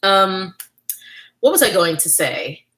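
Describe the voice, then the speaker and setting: Speaking slowly at a medium pitch, she swings widely up and down, her tone fairly bright despite poor audio. This New York woman hosts an informal livestream, chatting openly and reading comments while thanking each viewer by name.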